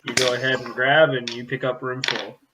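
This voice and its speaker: A man's voice: mid-range voice, little pitch movement, fairly quick, noisy background. A man narrating a tabletop game as game master, meandering and full of fillers.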